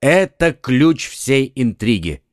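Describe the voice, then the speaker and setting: A man reading an audiobook, voicing a quick-witted young swordsman who speaks urgently and takes charge. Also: mid-range voice, sing-song, no room sound, studio quality. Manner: earnest, urgent, commanding. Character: quick-witted young male Gascon swordsman, eager leader.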